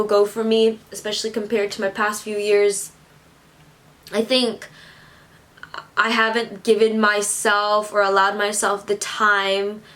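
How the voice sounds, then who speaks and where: A woman's voice: medium pitch, a bit bright. A woman of twenty-one, holding back tears as she rambles to her camera in a casual vlog. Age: 20s. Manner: tearful, rambling and self-reassuring. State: teary, on the verge of crying. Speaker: vlogger.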